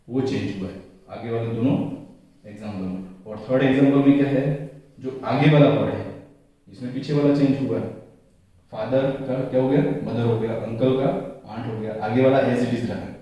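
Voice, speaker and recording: A man's voice: mid-range voice, moderate pace, lo-fi sound. A male English grammar teacher who goes through slides step by step, repeats each rule and asks and answers his own questions. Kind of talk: slide-based grammar lesson. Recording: very echoey room, voice from a distance.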